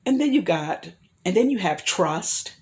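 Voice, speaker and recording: A woman's voice: on the low side, lively intonation, a little slow, a little mellow. A woman vlogger giving an earnest motivational talk, rambling with frequent restarts and apologies. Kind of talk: motivational personal talk to camera.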